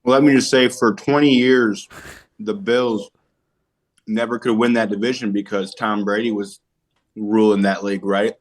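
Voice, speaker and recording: A man's voice: fairly low pitch, steady tone, normal speed. A man with a Midwestern accent, co-hosting a casual sports podcast in a folksy, laid-back way. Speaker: podcast co-host.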